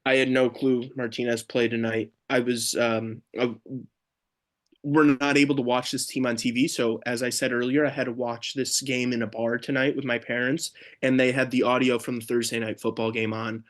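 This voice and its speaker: A man's voice: medium pitch, flat delivery, normal speed. Ranting young man on a late-night podcast. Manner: exasperated, ranting, swears freely. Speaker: podcast co-host. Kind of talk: casual late-night postgame chat.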